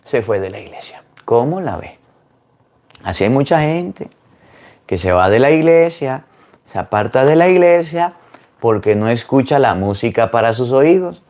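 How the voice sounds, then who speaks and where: Animated priest preaching. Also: male voice, mid-range voice, normal speed. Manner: animated, scolding, full of rhetorical questions. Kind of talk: sermon.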